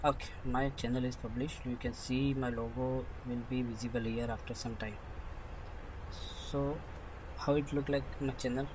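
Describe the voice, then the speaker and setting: A man giving an unscripted screen-recording tutorial voice-over, narrating each step haltingly in short phrases. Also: mid-range voice, level tone, background noise. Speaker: tutorial presenter.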